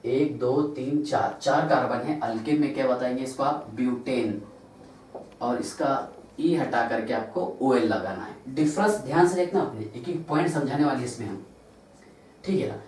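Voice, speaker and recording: A man's voice: medium pitch, a little mellow, distant mic. A man with an Indian Hindi accent teaches chemistry, counting carbons aloud and asking questions that he answers himself. He is recorded from across a very echoey classroom, with faint room noise behind him. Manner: asks rhetorical questions and answers them himself; spells out formulas slowly, counting carbons aloud. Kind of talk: classroom lecture. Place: large classroom.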